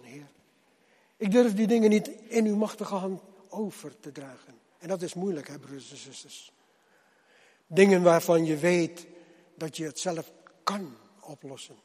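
A man preaching a sermon to his congregation, slow and husky, his voice swelling loud and then dropping low as he calls them to come. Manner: slow, swelling and dropping loudness with repeated appeals. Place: church hall. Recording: long reverb of a church hall.

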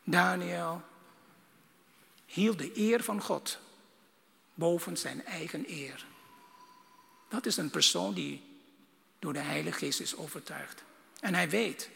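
A man preaching a sermon with fervour, swinging between loud bursts and hushed lines. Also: a little high, takes it slowly, creaky, long pauses, husky, big-room sound.

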